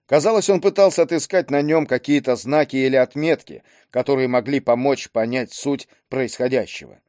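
Male audiobook reader, measured storytelling, dry recording. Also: mid-range voice, a little mellow, no room sound. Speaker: narrator. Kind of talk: audiobook narration.

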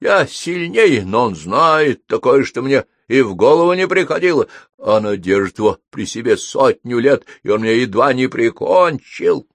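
A man's voice: medium pitch, very animated, moderate pace, no echo, voice pushed up. A man voicing a small fire demon in a storybook reading, crackling and whiny, grumbling and easily scared. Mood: weak, wary. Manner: crackling, whining.

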